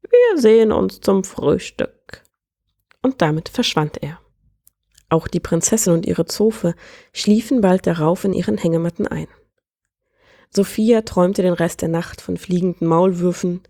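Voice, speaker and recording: A woman reading a fairy tale aloud in a calm, measured way as the storyteller. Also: fairly low pitch, dry recording, studio quality. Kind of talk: scripted fairy-tale narration.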